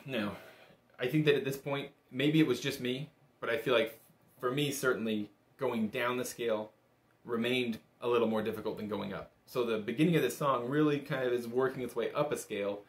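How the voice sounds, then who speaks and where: With a mid-range voice and a brisk pace, a young bagpipe teacher runs an easygoing, encouraging lesson in a conversational manner. He sits at a table in a small indoor room, and the recording has a roomy echo.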